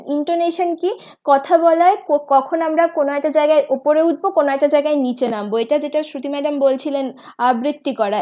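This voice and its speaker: A woman teacher, giving an exam-prep lecture. Her voice sits high and sounds soft and mellow rather than bright. She reads English points slowly, then explains them patiently.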